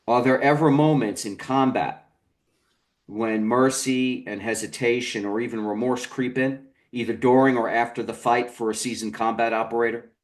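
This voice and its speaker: A man hosting a podcast, framing long interview questions in a measured, thoughtful way and often restarting his sentences. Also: mid-range voice.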